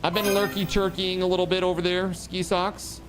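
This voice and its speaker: A man livestreaming games chats casually with viewers and gives shout-outs in an excitable, hyped way, repeating words and exclaiming. His voice is high and his speed normal, with faint music behind him and a rough recording.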